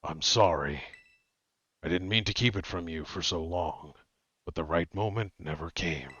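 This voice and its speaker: A man voicing a secretive teenage girl boss who hides behind a deep voice-changer voice, speaking slowly and theatrically. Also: fairly bright tone, husky, no room sound, dull audio, exaggerated voice. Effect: disguised deep voice-changer voice.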